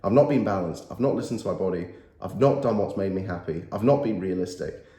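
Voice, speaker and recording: A man in his thirties, a motivational YouTuber, speaks fast in a low, warm voice that sounds nasal from a cold. He talks to camera earnestly and emphatically, repeating his key phrases, and the recording has a roomy echo.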